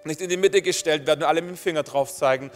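A man's voice: fairly high pitch, rapid-fire. Man preaching in a reverberant hall. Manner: emphatic, in short repeated phrases. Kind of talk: sermon. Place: church hall. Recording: long church-hall reverb, faint music.

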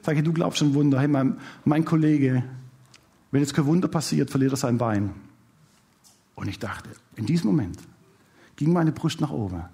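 A male pastor telling a personal story in a sermon, speaking to the audience with lively storytelling. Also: mid-range voice, moderate pace, vocal fry, pauses often. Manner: animated storytelling, addresses the audience directly.

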